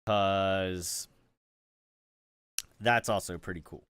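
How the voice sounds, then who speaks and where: A man's voice: deep voice, steady tone, drawn-out words, a bit bright, clear, resonant tone. A man streaming, chatting casually with viewers while he builds. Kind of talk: casual live-stream chat.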